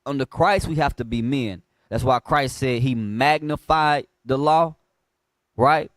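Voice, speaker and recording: A man teaching a Bible class in a preaching style, prompting a reader with call and response and swinging from quiet low asides to loud emphatic bursts. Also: a little slow, no room sound.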